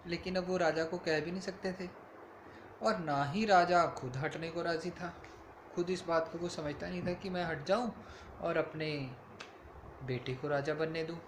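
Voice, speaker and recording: A man's voice: fairly high pitch, steady tone, normal speed, echoey room, slight background noise. A man telling his young daughter a bedtime story in a casual, explaining way. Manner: casual, explains to the child as he goes.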